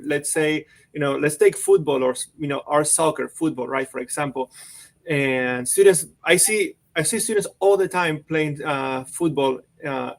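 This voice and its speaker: A man on staff at a university, explaining things casually in an online info session, with a lot of "you know" and "like". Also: on the high side.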